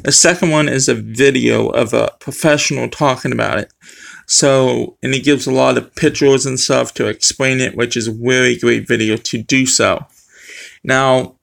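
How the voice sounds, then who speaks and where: A middle-aged man with a speech impediment that blurs his R and W sounds, talking casually and haltingly to the camera. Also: mid-range voice, creaky, a bit bright. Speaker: vlogger. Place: small room at home. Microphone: webcam or phone close to face.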